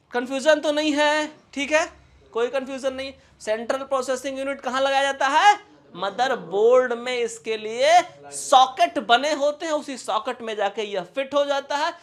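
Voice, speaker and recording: A man's voice: very high-pitched, fairly bright tone. A man teaching a computer course, explaining in a playful, folksy way and constantly asking his students whether anything is unclear. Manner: keeps checking for understanding with quick rhetorical questions. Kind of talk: classroom-style video lesson.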